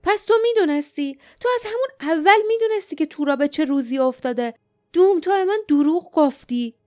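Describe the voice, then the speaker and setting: An angry, hurt young man from a storybook, shouting fast with a raised, sharp pitch, voiced by a woman narrator. The sound is close and dry. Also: lively intonation, no echo.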